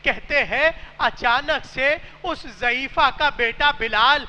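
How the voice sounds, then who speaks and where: A man preaching a mourning sermon, telling a sad story softly and then rising into loud, wailing cries. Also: extremely high pitch. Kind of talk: majlis sermon, recited with rising lament. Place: large mosque hall. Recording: echoey hall with faint noise.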